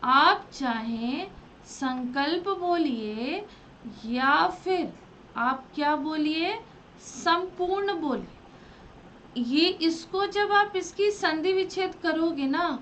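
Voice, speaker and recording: A woman teaching a grammar lesson, asking her students questions and then answering them herself in a drawn-out, teacherly way. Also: high-pitched, fairly bright tone, slight background noise. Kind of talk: classroom lesson explaining rules.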